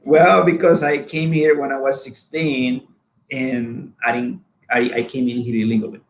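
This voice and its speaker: This is personal storytelling from a Honduran man in his forties who speaks English with a Spanish accent. As a guest, he earnestly recounts his life story with frequent fillers. His medium-pitched voice is flat and moderately paced, captured in a reverberant, low-quality recording.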